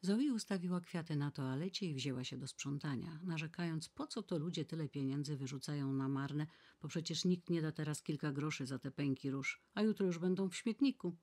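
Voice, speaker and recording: A woman reading a classic novel aloud in measured, even storytelling. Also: low voice. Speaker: audiobook reader. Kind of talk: scripted narration.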